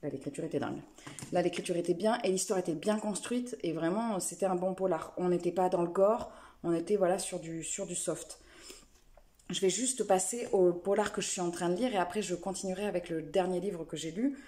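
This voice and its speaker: Mellow-voiced woman chatting about books. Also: lowish voice, fairly quick. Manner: chatty, hesitant with many fillers. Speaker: book and knitting vlogger. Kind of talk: casual book review chat.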